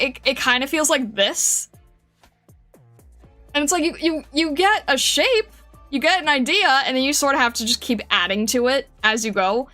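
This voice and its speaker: Bright and high-voiced, a woman draws on a casual livestream, musing out loud in a hesitant, meandering way as an artist at work.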